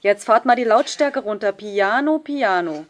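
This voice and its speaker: A jovial teacher in his late forties , as a woman reading an audiobook puts him on. He greets everyone loudly with chummy, youthful slang, proud of his relaxed tone. Storybook reading. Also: medium pitch, measured pace, close to an everyday voice.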